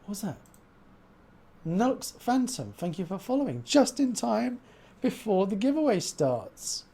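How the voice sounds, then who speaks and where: A man's voice: sits high, very animated, a little slow, vocal fry, mellow, husky. A man hosting a livestream in casual chat, pronouncing his R's like W's. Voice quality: cannot pronounce R's, says w for r. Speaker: livestream host.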